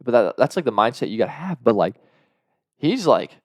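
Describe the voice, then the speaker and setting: A young man co-hosting a podcast, chatting casually about basketball, excitable and swearing freely. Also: mid-range voice, brisk, no echo, studio quality. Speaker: podcast co-host. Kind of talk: casual sports chat.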